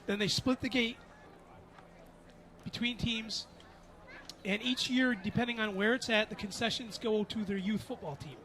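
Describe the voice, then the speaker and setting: A man's voice: high voice, moderate pace, long pauses, bright, forceful tone. A man co-commentating a local football game, casually rattling off facts. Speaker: color commentator. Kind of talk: casual sports banter.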